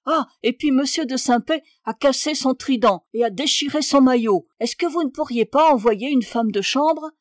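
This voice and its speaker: Woman doing a fluting-voiced, fawning gentleman. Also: sits high, normal speed, hardly any pauses, no echo, studio quality, voice pushed up, lightly acted. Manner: apologetic and pestering.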